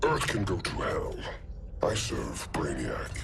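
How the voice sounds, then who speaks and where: An actor playing an arrogant, scheming giant gorilla warlord in a video game, with a menacing, grandiose delivery. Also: male voice, extremely low pitch, huge pitch swings, slow pace, creaky, heavy background noise, exaggerated voice. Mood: bitter, menacing. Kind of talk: dramatic video game cutscene acting. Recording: loud music over the voice.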